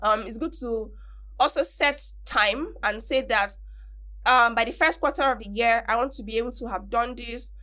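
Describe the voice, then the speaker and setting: A young Nigerian woman talks through her thoughts on a solo podcast, casual and reflective, stopping to work out everyday examples as she goes. Her voice sits a little high and rings bright and clear, with a lively forward edge. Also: normal speed. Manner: chatty, reflective, works through examples aloud. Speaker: podcast host.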